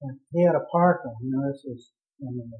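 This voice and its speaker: A man's voice: medium pitch, fast, soft background music. A man who captained a drilling ship, telling a vivid, rambling story in an oral history interview. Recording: tinny phone-like audio.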